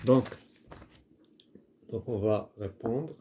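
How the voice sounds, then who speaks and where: A man teaching a primary-school French grammar lesson, explaining slowly and repeating himself while he writes out the examples. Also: lowish voice, background noise. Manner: slow, repetitive explaining with restarts and fillers.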